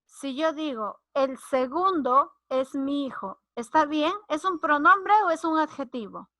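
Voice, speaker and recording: A woman's voice: high-pitched, expressive, measured pace, sharp tone, no room sound. A woman teacher, explaining grammar and acting out short example lines. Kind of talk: online grammar lesson.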